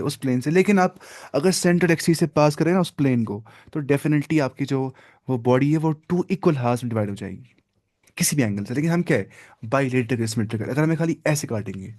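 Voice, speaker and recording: A man's voice: medium pitch, darkish tone, no room sound, studio quality. A man teaching biology in a live online class. He asks the class questions and answers them himself.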